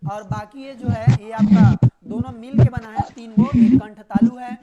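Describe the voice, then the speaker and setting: A woman's voice: a little high, steady tone, measured pace, mellow, muffled recording. A woman teaching a live online grammar class, explaining with little memory stories and repeating key words.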